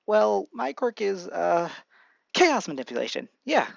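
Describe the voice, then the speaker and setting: Man voicing a shy, halting teen boy hero. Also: high voice, sing-song, gravelly, no echo, dull audio, pitched above the performer's own voice, heavily acted. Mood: shy earnest. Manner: halting, hesitant.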